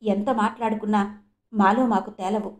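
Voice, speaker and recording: A woman's voice: medium pitch, steady tone, normal speed, natural voice. A woman voicing a fiery young woman who speaks urgently and pleads in a storybook reading.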